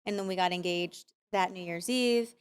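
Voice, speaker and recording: A woman's voice: lowish voice, moderate pace, smooth. Woman in her 30s from arizona, guest on a podcast, open and reflective, talks a lot about god and trusting his timing. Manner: candid, reflective, faith-driven talk. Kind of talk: casual conversation.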